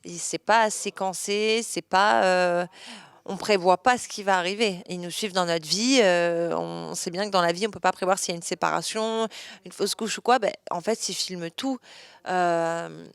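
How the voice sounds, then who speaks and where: A woman's voice: lowish voice, steady tone, normal speed, creaky, clear, resonant tone, no echo. A young woman answering interview questions in an open, chatty way, with frequent fillers and restarts. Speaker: interview guest.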